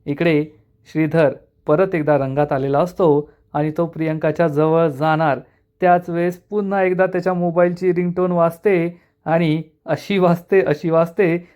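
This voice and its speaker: A man narrating a television episode recap in a steady, flowing way. His voice sits a little higher than most men's. The delivery stays even and storytelling-like throughout. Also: clean tone.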